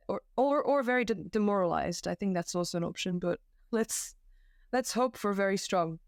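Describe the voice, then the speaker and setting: A woman's voice: mid-range voice, measured pace, no room sound, clean studio sound. A young woman from Belgium, a podcast guest, talking casually and self-deprecatingly with many fillers and restarts, at home. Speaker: guest, climbing competition volunteer. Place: floor of a new room at home. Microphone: home setup.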